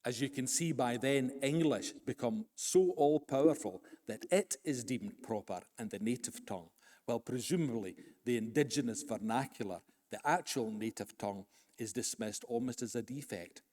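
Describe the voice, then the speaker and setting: A man giving a formal live lecture, reading a prepared text in a measured way with the odd dry aside. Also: medium pitch, a little mellow. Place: lecture hall, recorded live. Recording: long reverb of a lecture hall.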